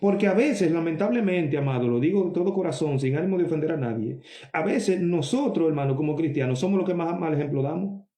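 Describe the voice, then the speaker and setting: A man preaching a Bible teaching sermon, reading scripture slowly and then explaining it with emphatic asides to his listeners. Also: fairly high pitch, expressive, dark tone, roomy sound.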